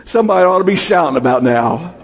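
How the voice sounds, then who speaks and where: Pastor, male, husky and fairly high voice, unhurried delivery, lively congregational preaching. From United States. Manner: lively preaching, calls out to the congregation, rises to shouts and drops low. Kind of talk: sermon.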